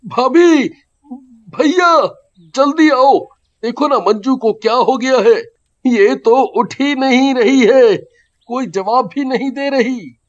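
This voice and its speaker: A man's voice: high voice, animated, takes it slowly, heavily acted. A man voicing a young village husband in a cartoon, pleading and tearful in a frantic way. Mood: panicked. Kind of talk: cartoon voice acting. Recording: muffled lo-fi audio.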